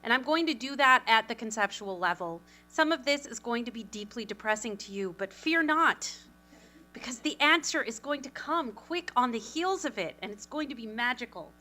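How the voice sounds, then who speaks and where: A woman giving a conference presentation as a communications consultant, talking quickly with lively, self-deprecating asides. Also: a little high, faint music behind. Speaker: communications consultant, panel speaker.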